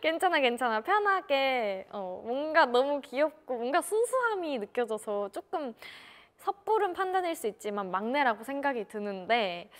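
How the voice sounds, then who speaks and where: Animated young woman, fairly high voice, chatting. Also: normal speed. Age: young adult. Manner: encouraging, leads the conversation. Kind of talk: casual chat.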